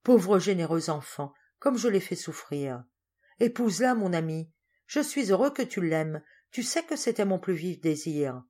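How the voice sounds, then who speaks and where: A woman reading the part of an anxious, quick-tempered father, in an excitable, exclamatory way. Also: fairly low pitch. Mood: relieved.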